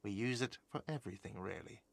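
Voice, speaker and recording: An actor voicing an irritable, sarcastic hostel manager in a detective video game who scolds a guest about an unpaid bill. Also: male voice, on the low side, quick pace, vocal fry.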